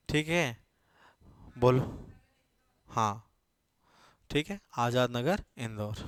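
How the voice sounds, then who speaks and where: A man's voice: on the high side, fairly bright tone, no echo, clean studio sound. A male teacher giving a classroom lecture, dictating notes, repeating key words and checking in with his students.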